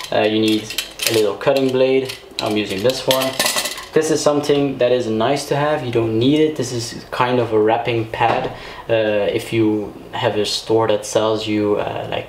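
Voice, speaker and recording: A man hosting a DIY video, casually explaining things step by step in a conversational way. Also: medium pitch. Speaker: host of a DIY car series. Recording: roomy echo, clear background noise.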